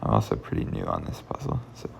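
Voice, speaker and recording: A man's voice: a bass voice, huge pitch swings, fast, vocal fry, slight background noise. A man hosting a puzzle channel, giving casual commentary as he solves puzzles, thinking aloud and often muttering under his breath. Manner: thinks aloud, mutters and half-whispers while working things out.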